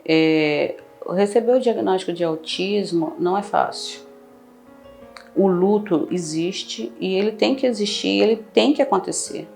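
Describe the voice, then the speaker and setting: A woman's voice: mid-range voice, unhurried, vocal fry, darkish tone, soft background music. A mother in her thirties, interviewed for a documentary, speaking in a frank, reflective way. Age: 30s.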